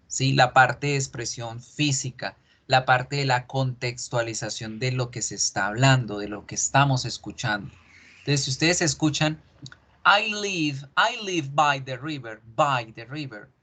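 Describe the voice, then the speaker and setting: A male English teacher walks his students through pronunciation at a very slow, deliberate pace. He drags out each drill word and says it again and again, so every sound can be heard. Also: medium pitch, a bit bright. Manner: slow, drawn-out repetitions of sounds and words. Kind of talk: online class lecture on pronunciation.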